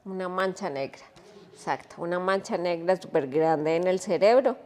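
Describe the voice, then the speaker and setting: A woman, a podcast guest telling a personal story in an animated, emotional way. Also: fairly low pitch, normal speed, in a large hall.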